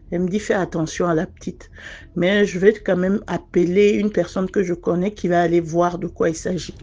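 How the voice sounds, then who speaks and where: A woman telling her own story in a casual, earnest way. She often pauses and restarts as she talks. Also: fairly low pitch, a little mellow, dull audio. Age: adult mother. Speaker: listener sharing a personal testimony. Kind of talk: casual first-person storytelling.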